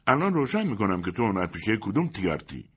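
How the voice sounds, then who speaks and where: A man voicing a brash, nosy male best man at a wedding, loud and mocking. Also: lowish voice, big pitch swings, husky, pitched above the performer's own voice. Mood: indignant.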